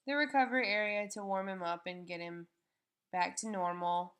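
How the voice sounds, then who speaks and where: A woman's voice: medium pitch, fairly even intonation, normal speed, a bit bright, clean tone. Woman explaining a veterinary procedure, informal. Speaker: veterinary staff narrating a procedure. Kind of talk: explanatory live demonstration commentary.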